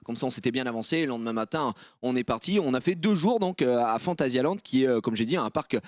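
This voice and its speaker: A man recounting his weekend trip during a casual chat show, in an animated way. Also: mid-range voice, fast, no echo, clean studio sound. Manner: tells a travel story, animated. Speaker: show regular.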